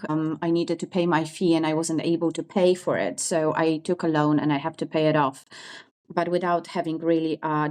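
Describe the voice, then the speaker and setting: A woman, telling her life story as a podcast guest, pausing often with fillers and self-corrections. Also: low voice, darkish tone. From Poland. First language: Polish. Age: 40s. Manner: thoughtful, pauses with many fillers and self-corrections. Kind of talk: interview storytelling.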